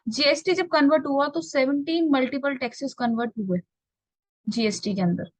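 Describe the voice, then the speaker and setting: A young woman teaching a revision lecture. She poses questions and answers them herself, repeats key terms, and reads definitions slowly, word by word. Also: high voice, dry recording. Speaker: tax tutor.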